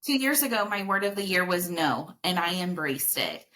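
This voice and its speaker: A woman's voice: fairly low pitch, big pitch swings, normal speed, sharp tone, slight background noise. A woman in her early forties, a podcast guest chatting casually and upbeat about her life. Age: 40s. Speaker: podcast guest, senior care advocate. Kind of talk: casual chat.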